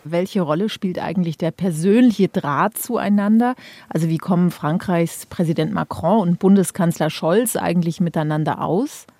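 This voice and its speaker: A woman interviews for a radio news programme. Her voice is mellow and fairly low, with a very dry sound. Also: moderate pace, no room sound.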